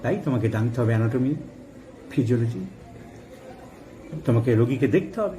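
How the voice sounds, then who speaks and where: A middle-aged man giving a homeopathy lecture, emphatic, rising to forceful high stresses and mixing in English medical terms. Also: expressive, moderate pace, rough recording. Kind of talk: lecture with anecdotes. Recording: faint background noise.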